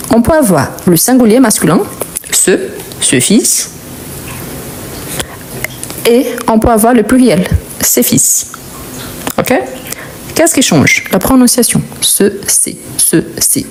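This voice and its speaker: A woman's voice: fairly high pitch, very animated, unhurried, pauses often, darkish tone, a little hiss or hum. A woman teaching a live French grammar lesson, explaining patiently and repeating key words.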